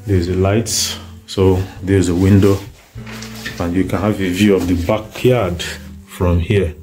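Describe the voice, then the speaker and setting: A man from Nigeria filming a flat on his phone, pointing out each room in a slow, halting way. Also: low voice, faint music behind, poor audio. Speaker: tenant viewing a flat. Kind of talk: casual home tour on phone video. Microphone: phone camera.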